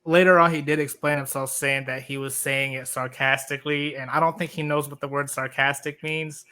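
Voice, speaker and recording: A man's voice: medium pitch, level tone, brisk, bright, forceful tone, clear, resonant tone. A man co-hosting a podcast in casual chat, rambling with lots of "like". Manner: rambling, uses "like" a lot, laughs while talking. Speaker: podcast co-host.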